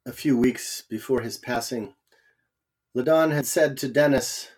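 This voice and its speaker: A man with a mid-range voice reads a personal memoir aloud. His delivery is calm and reflective, softening as each phrase comes to a close. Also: medium pitch, unhurried, husky. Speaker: narrator.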